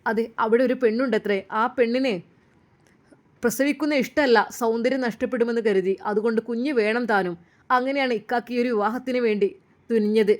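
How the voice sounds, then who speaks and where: A woman's voice: a little high, steady tone, normal speed, close to an everyday voice. A woman voicing an earnest young man who protests to his mother about a wrong done. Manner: earnest, pleading.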